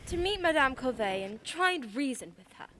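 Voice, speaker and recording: A woman's voice: high-pitched, big pitch swings, normal speed, pushed and bright, a little hiss or hum, heavily acted. A woman playing a composed, businesslike female detective in a radio play, speaking formally and politely. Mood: formal, recounting.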